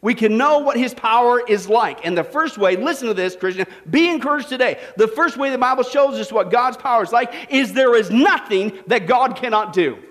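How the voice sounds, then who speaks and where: A pastor delivers an animated sermon in a very high-pitched voice, moving briskly with hardly any pauses. He fills it with rhetorical questions, checking each one with "okay?".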